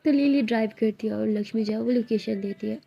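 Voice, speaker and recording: A woman narrating a romantic story in a plain, even storytelling style. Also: a little high, fast, vocal fry, slightly rough, muffled recording.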